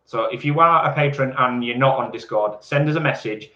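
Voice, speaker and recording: Reading viewer comments aloud and ribbing his partner, a co-host in his 40s keeps the live stream banter casual. His medium-pitched voice is bright and forceful, and he talks fairly quickly, though the audio comes across echoey and slightly dull.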